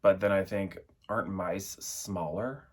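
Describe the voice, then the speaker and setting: A man's voice: low voice, measured pace. A young man chatting casually and rambling, with a lot of filler words. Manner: rambling, filler-heavy, with frequent "like" and "um". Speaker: vlogger reviewing an oracle deck. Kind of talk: casual chat.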